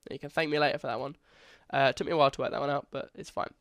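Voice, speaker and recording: A young man, congested, talks casually through a screen-recorded coding tutorial, chatty and self-correcting. His medium-pitched voice is rapid-fire and a bit bright, with fairly even intonation, in a dry, clean studio recording.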